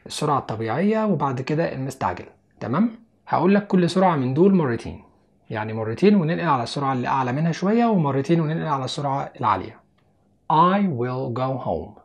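A man's voice: a little high, a little mellow. A man with an Egyptian Arabic accent teaching English listening skills in an online lesson, explaining step by step and speaking straight to the viewer.

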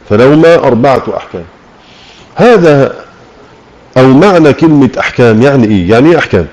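Slow, repetitive man teaching Tajweed. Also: on the high side, darkish tone, poor audio. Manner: slow, repeats key words, asks and answers own questions. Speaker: Quran recitation teacher. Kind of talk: religious lesson on Tajweed rules. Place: online voice chat room.

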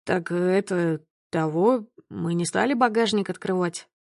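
A woman reader voicing a dim, sluggish male henchman who mumbles slowly in a lowered voice. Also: gravelly, a little mellow, dry recording, clean studio sound. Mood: mumbling. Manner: mumbling, slow.

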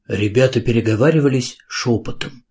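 A man narrating a children's book in a calm, even storytelling manner. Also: mid-range voice, a little fast. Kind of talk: audiobook narration.

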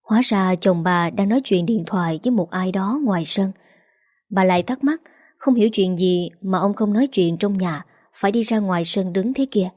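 A woman reading a novel aloud in a steady, even way as the narrator. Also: mid-range voice, moderate pace, no echo, studio quality. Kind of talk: scripted story narration.

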